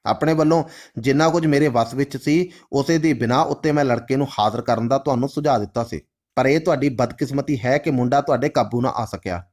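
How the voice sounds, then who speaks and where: A man voicing a stern, formal male official who speaks in a measured, lawful way. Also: medium pitch, a little mellow, natural voice. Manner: formal, measured, Urdu-flavored phrasing.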